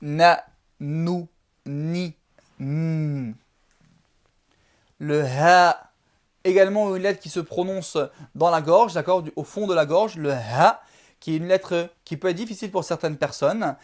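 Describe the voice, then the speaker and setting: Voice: medium pitch, normal speed. A teacher giving a video lesson, speaking patiently, drilling syllables one by one and checking in with the viewer often. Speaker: Arabic alphabet teacher.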